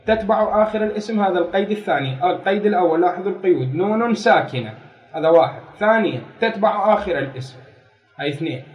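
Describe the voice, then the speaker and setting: Guy lecturing a class, high voice, repeats stuff, asks questions then answers them, roomy echo, mic kinda far off. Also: animated, fast, dull audio. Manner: methodical, repeats key phrases and asks rhetorical questions. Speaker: grammar teacher. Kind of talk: classroom lecture reading and explaining a text.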